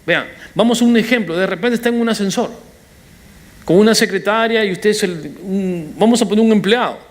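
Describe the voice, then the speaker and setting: Un pastor predicando un sermón de forma animada, con apartes juguetones. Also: male voice, high-pitched, fairly quick. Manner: animated preaching with playful asides. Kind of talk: sermon.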